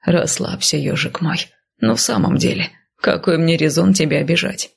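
Woman voicing a hushed, teasing nobleman. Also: low voice, moderate pace, gravelly, slightly rough, full character voice. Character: large, brash, teasing nobleman husband.

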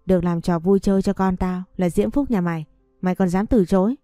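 A woman's voice: on the low side, a little fast, mellow, no room sound, clean studio sound, faint music behind, lightly acted. A woman voicing a cruel older mistress who berates and threatens a servant. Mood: harsh. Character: harsh cruel older mistress, bullying and shouting.

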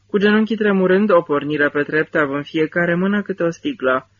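A man narrates a literary novel as an audiobook, in a measured storytelling manner. His voice is somewhat high for a man. The recording sounds dull and lo-fi.

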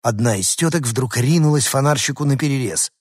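A man narrating a children's story in the first person with expressive storytelling. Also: medium pitch, a little fast, breathy edge, dry recording, clean studio sound. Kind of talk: scripted narration.

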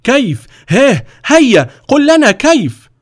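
A man's voice: very high-pitched, wildly swooping pitch, measured pace, no room sound, clean studio sound, pitched above the performer's own voice, full character voice. A man voicing an angry, jealous court vizier in a storybook reading, protesting in raised, heated outbursts. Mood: furious. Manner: heated, protesting, rising to shouts.

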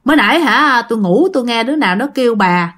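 A woman voicing an older husband who scolds forcefully. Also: on the high side, expressive, quick pace. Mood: worried.

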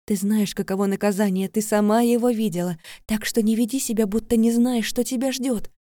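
A woman voicing a shrill, mocking young woman. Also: very slow, mellow, no room sound. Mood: menacing. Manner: taunting, shrill and accusing.

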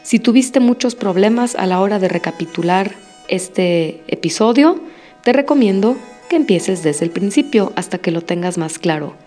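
A woman teaching a language lesson, modeling words slowly and praising the listener after each repetition. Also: mid-range voice, expressive, mellow, faint music behind. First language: Spanish. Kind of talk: slow, patient language lesson with repetition drills.

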